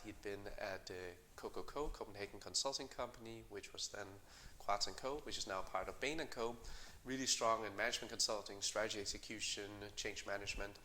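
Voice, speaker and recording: A middle-aged man, a company co-founder, answering interview questions in a measured way with many fillers and restarts. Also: lowish voice, bright, forceful tone, a little hiss or hum. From Denmark.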